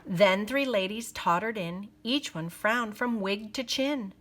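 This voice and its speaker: Medium in pitch, a woman's voice carries a children's picture book read-aloud, delivered expressively and with deliberate care.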